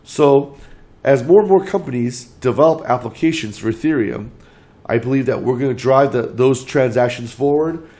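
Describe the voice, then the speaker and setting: Though illness is taking his voice, this man keeps his delivery measured as he walks through his market outlook in order for his channel. His voice is medium-pitched and mellow.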